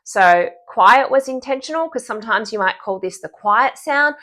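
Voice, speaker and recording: Cheerfully walking through animal sound cues for kids' speech therapy, a woman speech-language pathologist acts out the sounds and gestures. She speaks at a moderate pace in a slightly high, pushed, bright voice with lively intonation.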